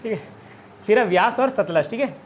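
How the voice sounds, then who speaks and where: A man's voice: high-pitched, animated, brisk, muffled recording, a little hiss or hum. A man with a Chhattisgarh Hindi accent teaching an exam-prep geography lesson in a chatty way, often checking in with his students and using mnemonics. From India. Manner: chatty, repeats "theek hai", quizzes students with mnemonics.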